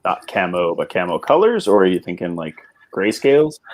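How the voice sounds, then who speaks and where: Low-voiced man thinking aloud. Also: big pitch swings, moderate pace, a little mellow. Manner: thinking aloud, heavy filler words. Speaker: co-host on a model-building stream. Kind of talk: casual livestream chat.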